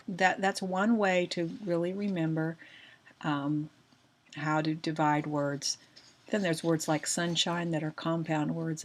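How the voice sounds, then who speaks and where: Slow, gravelly-voiced woman teacher. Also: deep voice. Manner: patient, slow, asks students checking questions. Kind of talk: recorded homeschool grammar lesson.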